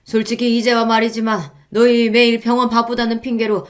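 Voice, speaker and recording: A woman voicing a stern elderly father-in-law who scolds his family in a firm, measured way. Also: lowish voice, steady tone, close to an everyday voice. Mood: scolding.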